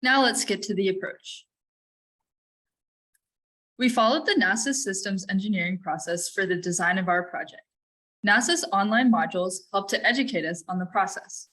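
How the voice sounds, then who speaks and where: A young woman from Florida presenting a student project section on a video call, in a clear scripted delivery. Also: mid-range voice, a bit bright, rough recording.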